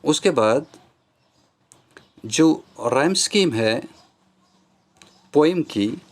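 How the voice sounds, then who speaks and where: Man, Kashmiri accent, teacher, slow deliberate pace, step-by-step explaining. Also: on the high side, expressive. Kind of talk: classroom lecture on a poem.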